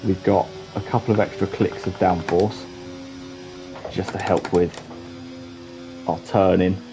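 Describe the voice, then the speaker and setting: A man's voice: deep voice, steady tone, a little slow, over music, low-quality recording. A man giving casual, chatty commentary while streaming a racing game, with dry asides.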